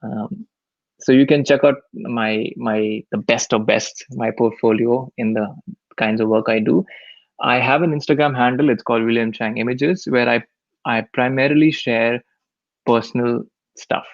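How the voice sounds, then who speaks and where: A man's voice: mid-range voice, fairly even intonation, moderate pace, gravelly, no room sound, highs cut off. A man with an Indian accent speaking casually and candidly as a guest on a live stream, self-effacing in manner. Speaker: photographer and teacher, webinar guest.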